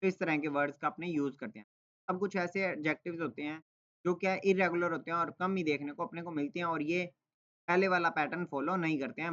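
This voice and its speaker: A man's voice: fairly high pitch, bright, forceful tone. Man teaching grammar, muffled audio. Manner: explains step by step, repeats "ठीक है" and asks rhetorical "क्या" questions. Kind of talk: classroom-style grammar lesson.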